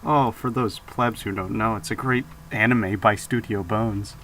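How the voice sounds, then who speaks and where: A man in a casual podcast chat, playful and hammy, fond of mock-monotone jokes. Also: lowish voice, measured pace, slight background noise.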